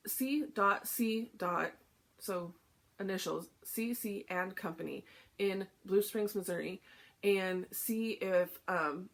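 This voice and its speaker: Breathless woman with a gravelly voice. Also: mid-range voice. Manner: chatty, lots of "um" fillers. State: short of breath. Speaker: cross-stitch vlogger. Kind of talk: casual show-and-tell chat.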